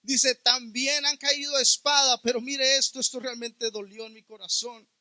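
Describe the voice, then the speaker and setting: Male preacher, piercing bright tone, emphatic delivery. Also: very high voice, little pitch movement, moderate pace, no room sound. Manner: emphatic, rising to near shouts on key words. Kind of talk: sermon.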